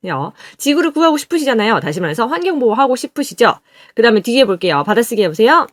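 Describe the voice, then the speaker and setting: Lively woman teaching English pronunciation. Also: a little high, faint music behind. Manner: drills words slowly, repeats them for students to copy. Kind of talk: online English pronunciation lesson.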